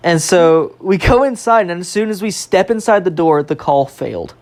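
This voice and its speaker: A young adult podcast storyteller, animated and loose, dropping swear words and laughing along. The voice is mid-pitched, and the delivery is casual chat. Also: moderate pace. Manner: animated, swears freely, laughs while telling.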